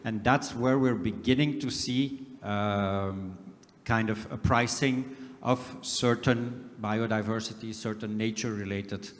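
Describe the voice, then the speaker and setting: A man's voice: on the low side, fairly even intonation, a little slow. A man speaking on a conference panel, explaining step by step with frequent hesitations. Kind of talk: panel discussion. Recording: reverberant conference hall.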